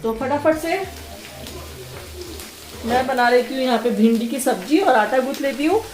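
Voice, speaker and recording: A woman's voice: high-pitched, lively intonation, normal speed, darkish tone. A woman in her thirties with a Jharkhand Hindi accent, chatting casually in a home vlog from her kitchen while she cooks and tells a story. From India. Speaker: vlogger.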